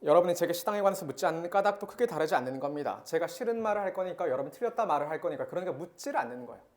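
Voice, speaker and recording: A young adult man preaching to a youth service as pastor. He talks in a plain, conversational way, asks many rhetorical questions and reads scripture aloud in a measured tone. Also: on the high side, animated.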